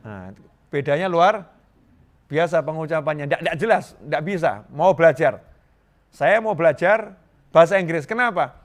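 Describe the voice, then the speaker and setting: A middle-aged man from Indonesia preaching a sermon to a congregation, lively and joking, repeating phrases for emphasis. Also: on the high side, moderate pace. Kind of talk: Islamic sermon to a live congregation.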